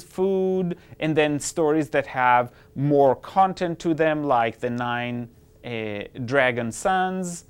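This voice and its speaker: With a smooth voice on the higher side, a man whose native language is Hebrew presents an upbeat screencast tutorial explaining classroom apps as an edtech presenter.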